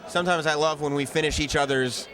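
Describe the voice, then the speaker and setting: A man's voice: fairly high pitch, steady tone, fast talker, crowd noise. A man giving color commentary on live wrestling, with conversational, analytical asides. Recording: noisy live event background.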